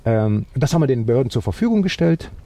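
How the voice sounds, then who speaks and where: A man telling a story as an interview guest, halting with many fillers and restarts, but upbeat. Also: medium pitch, sing-song, mellow.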